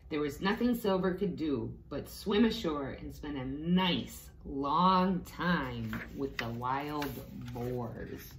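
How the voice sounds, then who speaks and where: Reading a storybook aloud to small children, this woman speaks in a low, animated voice, slow and with few pauses, adding little explanatory asides as she goes. The room is echoey, with faint background noise.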